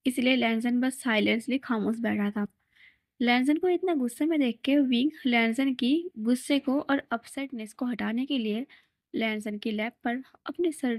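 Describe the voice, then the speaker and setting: A woman's voice: a little high, no room sound. A woman casually retelling a fan fiction story in a plain, conversational way.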